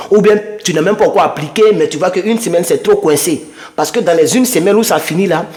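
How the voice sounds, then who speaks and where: A man with a fairly high voice talks straight to his viewers from his home computer, rambling loosely through immigration news. He drifts between English and French as he goes, casual and unscripted. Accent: non-native English, French-speaking. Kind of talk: casual informal vlog. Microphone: computer microphone.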